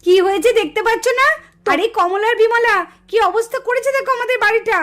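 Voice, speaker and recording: A woman voicing a quarrelsome village mother in a doll show, scolding and shouting her complaints. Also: very high voice, quick pace. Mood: furious. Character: shrill quarrelsome village mother, easily enraged.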